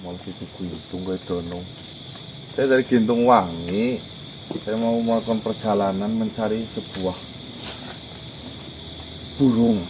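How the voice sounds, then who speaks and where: A man's voice: lowish voice, lively intonation, unhurried, long pauses. A man hosting an encounter, talking politely and apologetically but insisting on his point. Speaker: host of supernatural encounters. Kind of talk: casual spoken dialogue. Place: outdoors at night. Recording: outdoor night recording with insect noise. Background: crickets and insects.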